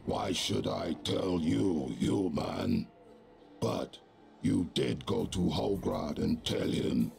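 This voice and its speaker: A sneering orc chief from a fantasy game. The voice is bottomless and thick with gravel. He drags out menacing, broken English slowly. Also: low-pitched, sing-song, darkish tone, soft background music, exaggerated voice. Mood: grudging, fierce. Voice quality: very gravelly, guttural. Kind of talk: scripted fantasy game dialogue.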